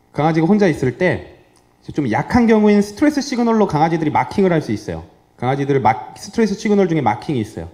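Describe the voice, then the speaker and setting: Thirties male vet addressing a crowd, jokey and lively, with a slightly high, warm voice. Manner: animated and joking, acts out dogs and owners. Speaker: veterinarian giving a public lecture. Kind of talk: lively live talk with audience questions. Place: lecture hall with a live audience.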